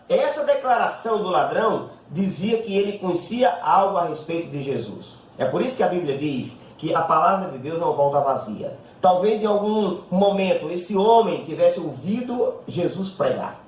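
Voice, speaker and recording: A man's voice: high voice, lively intonation, moderate pace, roomy sound, slight background noise, low-quality recording. A man with a Brazilian Portuguese accent preaching a sermon, explaining Bible verses in a conversational way. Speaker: pastor.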